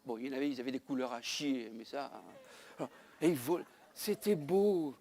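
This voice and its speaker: A man's voice: medium pitch, animated, a little fast, darkish tone. A male comedian telling a rambling comic story on a small theater stage, chatty, with frequent asides and crude exclamations. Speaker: stand-up comedian.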